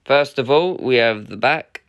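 A man's voice: medium pitch, unhurried, a bit bright, clear, resonant tone, muffled recording. A man hosting his own unboxing video, talking in a casual, rambling way with lots of hesitations and self-corrections. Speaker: channel host unboxing a film collector's edition.

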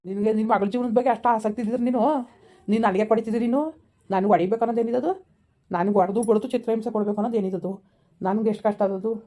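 A woman's voice: on the high side, mellow, close to an everyday voice. A woman voicing a bitter village husband who complains that his wife beats him, in a comedy skit. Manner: whining, bitter, accusing.

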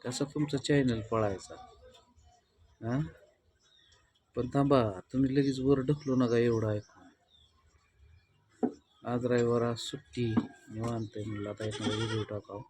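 A man's voice: medium pitch, background noise. A man, chatting casually and teasingly in a village vlog, recorded outdoors at home in the early morning. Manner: chatty, teasing, rustic Marathi. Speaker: village vlogger.

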